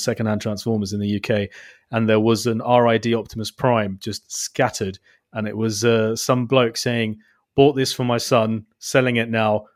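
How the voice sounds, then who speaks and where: Man, lowish voice, reflective storyteller, dry sound. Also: dry recording. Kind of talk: casual chat about collectible toys.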